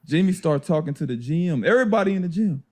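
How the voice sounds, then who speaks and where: A man telling a basketball story in casual chat, laughing and acting out teammates in loud high voices. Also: lively intonation, quick pace. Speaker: former pro basketball player telling a story. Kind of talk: animated storytelling.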